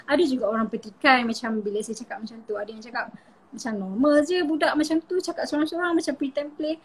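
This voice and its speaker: A woman's voice: high voice, fast talker, husky. A Malaysian woman explaining things in a casual live interview, chatty and full of fillers, mixing in English words.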